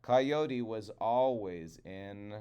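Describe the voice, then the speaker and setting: Guy narrating a trickster tale, slow n dramatic, really smooth clear voice. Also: lowish voice, mellow. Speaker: storyteller.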